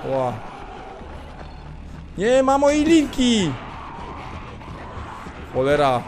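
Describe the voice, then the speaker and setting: A man doing let's-play commentary, excitable and swearing as he exclaims at the game. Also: very high voice, drawn-out words, a little hiss or hum. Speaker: gamer. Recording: voice over game music.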